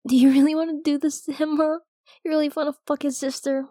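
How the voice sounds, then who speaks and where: A woman's voice: sits high, little pitch movement, fast talker, mellow, no echo, clean studio sound, close to an everyday voice. A young woman voicing a cocky, teasing friend's older sister in an audio roleplay, swearing freely and laughing often. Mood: hesitant. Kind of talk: audio roleplay addressing the listener.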